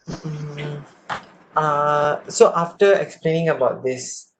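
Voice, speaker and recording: A man's voice: fairly high pitch, fairly even intonation, slow pace, a little hiss or hum, poor audio. A young man speaking hesitantly in a casual group discussion, checking in as he goes.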